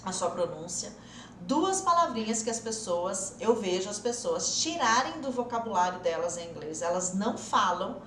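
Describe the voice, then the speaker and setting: Lively Brazilian teacher in an echoey room. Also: female voice, mid-range voice, slight background noise. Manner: lively, coaxing, repeats words slowly for practice. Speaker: English teacher. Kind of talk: online English pronunciation lesson.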